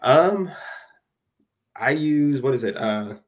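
Talking slowly but with animation at a medium pitch, this guest dyer in his thirties joins a casual video call via webcam from his home. His chat is rambling and self-deprecating, peppered with hesitant fillers.

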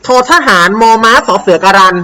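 A woman English teacher with a Thai accent, slowly and patiently explaining a worksheet to young pupils and having them repeat words. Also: sharp tone, poor audio.

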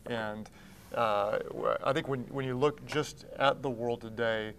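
A man's voice: medium pitch, fairly even intonation, measured pace, fairly bright tone, slight background noise. A man in his thirties, a pastor speaking as a TV interview guest in a studio, earnest and often restarting his sentences. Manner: earnest, gestures with both hands, many restarts. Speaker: pastor and church founder. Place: TV studio set with blue drapes.

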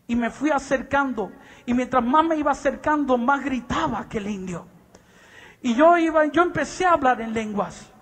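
Male preacher, very high voice, passionate sermon storytelling, drops to a hush then shouts, keeps repeating a blessing. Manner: impassioned, swings from hushed to shouting; repeats "bendito sea Dios". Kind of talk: sermon testimony.

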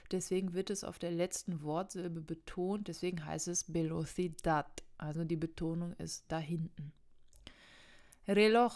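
A young woman teaching Spanish in a casual online video lesson, talking straight to the viewer and correcting herself as she goes. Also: on the low side. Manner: chatty, self-correcting, addresses viewer directly.

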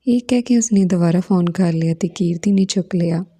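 Woman narrator, storybook reading, calm steady pace, gravelly, husky. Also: lowish voice, brisk.

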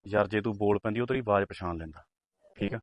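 A man's voice: on the low side, fast talker, natural voice. A young man acting a timid, anxious boyfriend who talks in a worried, hesitant way. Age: young adult. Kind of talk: short film dialogue.

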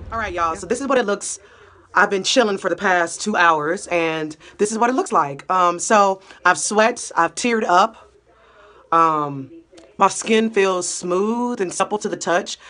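A woman's voice: lowish voice, normal speed, a bit bright. A young woman chatting casually as a beauty vlogger, upbeat and slangy, filmed on a phone held close. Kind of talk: casual vlog chat. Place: small room at home, then city street and gym. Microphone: phone camera held close.

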